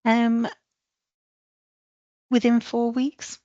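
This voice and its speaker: A woman's voice: on the high side, monotone, very slow, warm tone, dry recording. A woman on a mental health team, answering webinar questions briefly and matter-of-factly. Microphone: video call. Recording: dull lo-fi call audio.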